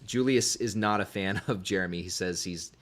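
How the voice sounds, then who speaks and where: Meet an easygoing man hosting a laid-back podcast chat. His voice sits on the low side, and he thinks aloud as he shares his views. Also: moderate pace. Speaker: podcast host.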